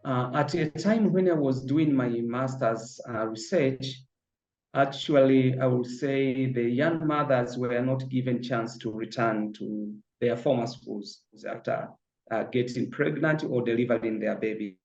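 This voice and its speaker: A middle-aged man, a school founder speaking in a measured, earnest way with frequent pauses. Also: mid-range voice. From Tanzania. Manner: measured and earnest, pausing often on fillers. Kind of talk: reflective interview testimony. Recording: roomy, slightly dull with soft music.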